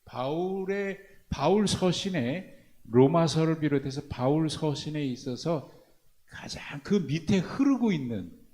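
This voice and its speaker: A male pastor at a church prayer meeting, preaching in a slightly high voice. His pitch rises and falls in an animated way as he throws rhetorical questions at the listeners. He moves between quiet, low phrases and strong, loud ones. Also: unhurried. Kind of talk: sermon.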